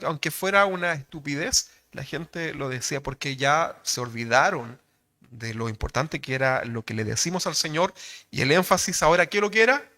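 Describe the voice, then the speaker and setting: A man's voice: on the high side, bright, forceful tone. A man with a Chilean accent preaching a sermon in a conversational way, checking in with rhetorical questions after nearly every phrase. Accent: Chilean Spanish.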